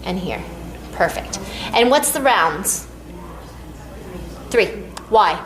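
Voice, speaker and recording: A woman's voice: medium pitch, expressive, takes it slowly, background noise. A woman teaching massage technique to a class, counting out strokes and cheering the students on. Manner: counts out strokes, encouraging and upbeat. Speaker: massage instructor. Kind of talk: hands-on teaching demonstration. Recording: echoey room, faint background.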